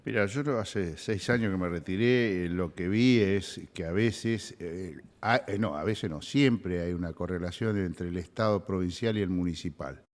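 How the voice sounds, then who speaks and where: An older man from Argentina, a retired official answering interview questions in a halting way, with many fillers. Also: sits low, big-room sound. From Zapala, Neuquén, Argentina. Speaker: retired provincial oil official, guest.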